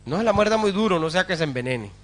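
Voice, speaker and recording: A man's voice: sits high, expressive, quick pace. A man, a pastor, preaching a sermon with fervour, calling out to his congregation for responses and asking rhetorical questions.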